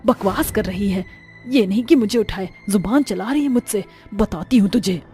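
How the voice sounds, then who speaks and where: A woman's voice: mid-range voice, normal speed, dark tone, faint music behind, close to an everyday voice. A woman voicing a harsh, scolding middle-aged mother-in-law who drawls out insults.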